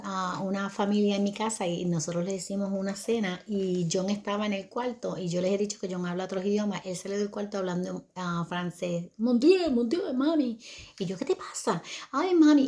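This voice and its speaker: An older woman with a medium-pitched, slightly mellow voice tells viewers a family story about raising her son. She speaks conversationally and frequently checks in with her listeners.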